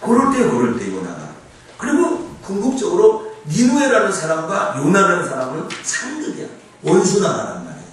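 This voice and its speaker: In a church sanctuary, a male preacher speaks briskly in a high register, animated and chatty, regularly posing questions to his listeners. The recording is distant and echoey, with slight background noise.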